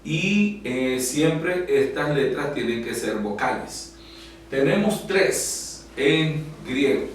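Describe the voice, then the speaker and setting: A male teacher lectures a class at a slow, deliberate pace, stopping often to gather his words. He is recorded from across the room, so his voice rings with heavy echo over a faint hum. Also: medium pitch, expressive, recorded from a distance. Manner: slow and explanatory, with frequent pauses and fillers. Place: classroom with whiteboard.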